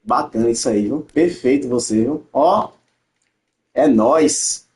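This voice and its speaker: A man's voice: medium pitch, measured pace, a little mellow, a little hiss or hum. A young man, a gaming streamer bantering on a live stream, teasing and mocking with frequent laughs. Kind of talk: livestream banter while playing. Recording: roomy echo.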